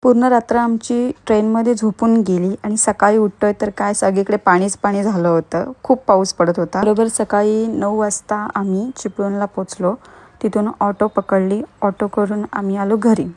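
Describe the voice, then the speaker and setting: Flat-voiced woman narrating a trip vlog. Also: medium pitch, normal speed. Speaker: vlogger. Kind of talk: voice-over travel narration.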